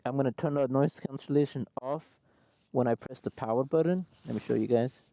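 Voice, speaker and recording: A man's voice: medium pitch, a little fast, gravelly, dark tone, dry recording. A man vlogging about his motorcycle gear, talking through a helmet mic with noise cancellation on. He explains each step in a chatty way. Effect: noise cancellation on, with processed noise-reduction artifacts. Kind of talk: casual gear-test explanation to viewers. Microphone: wireless mic inside a motorcycle helmet.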